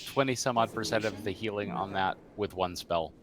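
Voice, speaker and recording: A man in an online game voice chat, joking and animated about the raid. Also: fairly low pitch, moderate pace, crowd noise. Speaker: raid member. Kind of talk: gaming voice chat.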